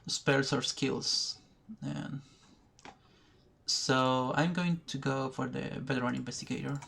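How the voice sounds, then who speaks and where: Slow, gravelly man commentating gameplay. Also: mid-range voice, fairly even intonation, a bit bright. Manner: slow, thinking aloud with pauses and restarts. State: has the hiccups. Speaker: gaming video creator. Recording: faint background noise, poor recording.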